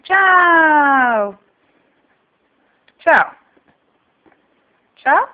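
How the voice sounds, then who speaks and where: A woman's voice: high voice, lively intonation, very slow. A woman, a mother, talking baby talk to her infant in a playful, sing-song, coaxing way. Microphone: phone camera. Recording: tinny lo-fi phone-camera audio.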